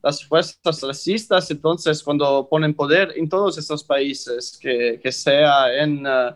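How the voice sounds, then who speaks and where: A man with a slightly high voice speaks non-native Spanish at a very slow pace. He is an interviewer giving conversational commentary, halting and repeating words as he searches for the next one. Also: fairly even intonation. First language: not Spanish.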